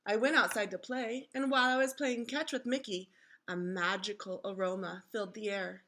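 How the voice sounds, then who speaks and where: Like a teacher holding the attention of young listeners, a woman reads from a children's storybook in an expressive, instructive manner. Her voice sits in the middle range and her pace is moderate.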